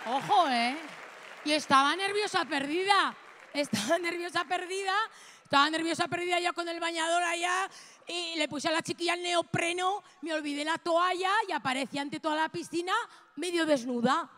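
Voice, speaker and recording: A woman, doing an animated, bawdy stand-up monologue full of crude slang on a gala stage. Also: very high-pitched, fairly quick, big-room sound, a faint crowd, slight background noise. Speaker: stand-up comedian. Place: gala stage before a live audience.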